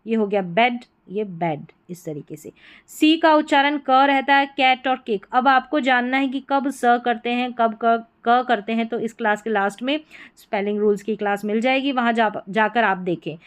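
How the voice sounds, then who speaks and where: A woman explains pronunciation rules to beginners, patient and methodical, restating each point more than once. Her voice is smooth and clear and sits a little high. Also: moderate pace. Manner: patient, repeats points in several words. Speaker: English teacher.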